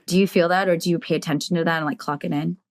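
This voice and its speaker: A woman's voice: on the low side, fairly even intonation, racing. A sniffly woman hosting a podcast, chatty and affirming, with lots of filler words in casual interview talk. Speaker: podcast host.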